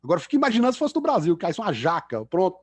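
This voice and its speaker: A middle-aged Brazilian man with a Mineiro accent rounds off an online talk, full of self-mocking jokes and filler words. His voice sits a little high and sounds husky. The video-call sound is dry and close. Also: wildly swooping pitch, rapid-fire, a little mellow, dry recording. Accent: Mineiro Brazilian Portuguese. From Belo Horizonte, Brazil. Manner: chatty, self-mocking joker with many fillers. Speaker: guest lecturer, engineer. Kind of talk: casual online lecture Q&A.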